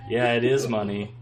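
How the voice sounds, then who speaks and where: A man live-streaming a game, chatting casually with dry, joking banter and free swearing into a desk microphone. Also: medium pitch. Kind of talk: casual live-stream chat while gaming.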